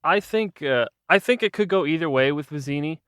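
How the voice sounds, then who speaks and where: Chatty, slightly high-voiced man. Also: animated, brisk, fairly bright tone, clean tone, dry recording, clean studio sound. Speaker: podcast co-host. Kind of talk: casual chat about tabletop games.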